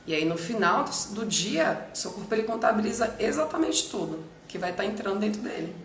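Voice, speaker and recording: A woman's voice: medium pitch, animated, a little fast. Woman talking straight to live viewers. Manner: direct, speaks straight to viewers. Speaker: nutrition live stream host. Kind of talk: instructive live talk to viewers. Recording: echoey room with faint background noise.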